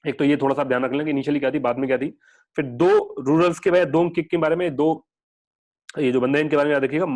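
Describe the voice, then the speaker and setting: Young male tutor, rapid and rambling, casual online lecture. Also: mid-range voice, a little mellow. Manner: chatty, digressive, mixing English terms into Hindi. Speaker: exam-prep history teacher.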